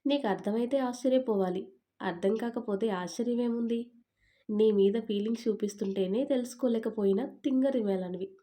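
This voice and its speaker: A woman's voice: on the high side, fairly quick, warm tone, lightly acted. A woman voicing an irritable young husband and boss in an audio story, talking curtly and scolding. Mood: irritated. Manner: curt, scolding.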